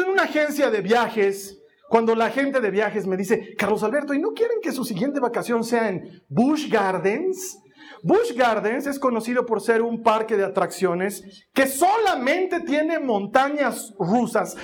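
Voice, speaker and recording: Animated storytelling male preacher. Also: extremely high pitch. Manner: animated storytelling, acts out voices. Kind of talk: sermon with a humorous family story.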